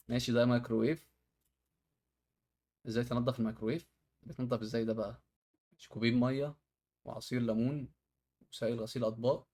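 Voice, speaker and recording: A man's voice: mid-range voice, a little mellow. A man from Egypt with an Egyptian accent, reacting to home-hack videos in casual commentary and often exclaiming at the tricks. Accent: Egyptian Arabic.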